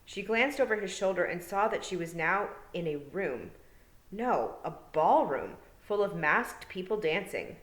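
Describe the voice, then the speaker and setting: A woman teacher narrating a storybook aloud in a calm, measured way. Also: on the low side. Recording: roomy, echoey room.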